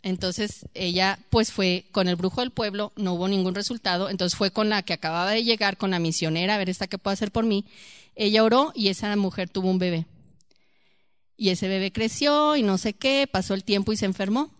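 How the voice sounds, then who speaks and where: A woman's voice: mid-range voice, brisk, clear, resonant tone, no echo, clean studio sound. A woman leading a church teaching, telling a story and firing rhetorical questions at her listeners. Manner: animated, rhetorical questions to the congregation. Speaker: Bible study leader.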